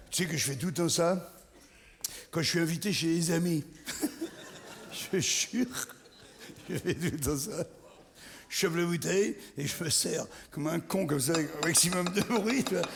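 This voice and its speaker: A man's voice: high-pitched, gravelly, a little hiss or hum. A middle-aged man performing a crude, teasing stand-up routine on a theatre stage, egging on his audience. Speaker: stand-up comedian. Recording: live hall recording, loud crowd.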